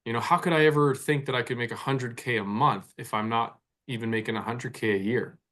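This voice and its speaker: Speaking fairly quickly with a mid-range, slightly bright voice and fairly flat intonation, a forties-aged Canadian mindset coach reflects as a podcast guest. The interview is conversational, and he tends to repeat words as he works through ideas.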